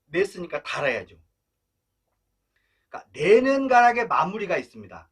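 A man's voice: high voice, big pitch swings, normal speed, over loud music. A man teaching traditional Korean drumming step by step, counting beats aloud, chanting drum syllables, and coaxing learners to breathe and not rush. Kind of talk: step-by-step instrument lesson. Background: drum playing.

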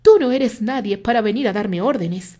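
A woman's voice: on the high side, normal speed, warm tone, close to an everyday voice. Brief: woman playing confident mocking rival, firm and cutting, storybook reading. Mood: scornful. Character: self-assured man, firm and mocking rival.

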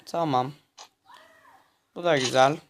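A young man gives gameplay commentary, muttering to himself, tense and easily frustrated. His mid-range voice holds a steady tone and he takes it slowly, with slight background noise in the recording.

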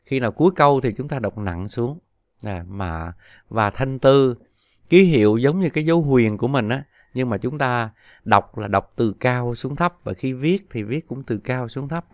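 A man's voice: medium pitch, no room sound. Patient male language teacher, dry close sound. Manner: patient, drawn-out model syllables. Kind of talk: explaining pronunciation lesson.

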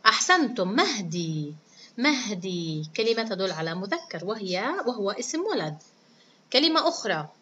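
A woman's voice: mid-range voice, sing-song, normal speed, pushed and bright, dull audio, a little hiss or hum. A woman teaching a children's reading lesson, praising them often and stretching words out syllable by syllable. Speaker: primary school teacher.

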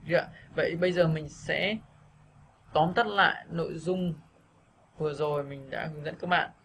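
A man teaching a video lesson on English pronunciation, patiently repeating words slowly for practice. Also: on the high side, steady tone, fairly bright tone, a little hiss or hum.

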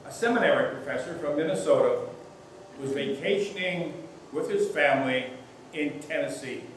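An older pastor delivers his sermon slowly and deliberately, his voice sitting a touch high for a man. The sound is heavily reverberant, picked up from a distance in a large church with faint background noise. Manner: measured, deliberate preaching. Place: church sanctuary.

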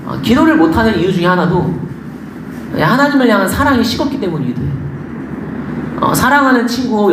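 Pastor giving a chatty sermon, lots of questions to the crowd, roomy echo, faint noise behind. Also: medium pitch. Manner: conversational preaching with rhetorical questions to the congregation. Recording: echoey room with faint background noise.

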